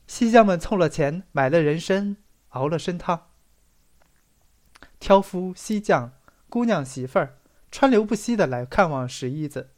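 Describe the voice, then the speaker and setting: An audiobook narrator with a mid-range voice reads a literary story expressively, in a storytelling manner that brings out the dramatic phrases.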